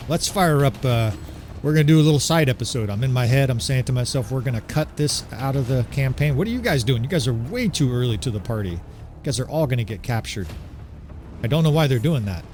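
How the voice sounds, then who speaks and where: A man's voice: medium pitch, expressive, fast talker, a little mellow, slight background noise. A man giving casual, enthusiastic commentary over a strategy game playthrough, often tagging his points with "right?". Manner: chatty, enthusiastic, keeps asking "right?". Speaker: gaming commentator. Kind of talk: gameplay commentary.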